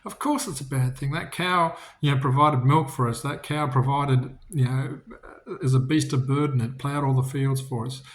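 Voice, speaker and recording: A man voicing a farmer in a retold parable, talking in an emphatic, excitable way. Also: mid-range voice, normal speed, close to an everyday voice. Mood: lamenting. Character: excitable male farmer, quick to judge.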